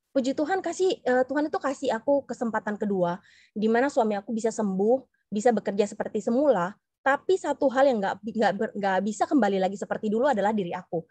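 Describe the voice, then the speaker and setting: A woman's voice: a little high, dark tone, no room sound. A woman in her thirties from South Sulawesi telling her personal story in an earnest, heartfelt way. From South Sulawesi, Indonesia. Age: 30s. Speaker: business presenter, stay-at-home mom. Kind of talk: personal testimonial talk.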